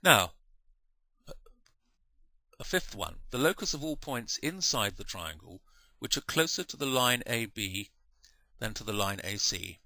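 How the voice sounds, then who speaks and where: Bright, crisp maths teacher. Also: male voice, on the low side, big pitch swings, no room sound. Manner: patient, measured, with self-corrections. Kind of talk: explaining a maths lesson over diagrams.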